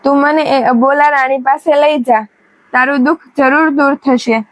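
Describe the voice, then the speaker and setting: A woman's voice: high voice, steady tone, moderate pace, no echo, close to an everyday voice, poor audio. A woman voicing a kind, commanding male king in a folk tale, reassuring and authoritative.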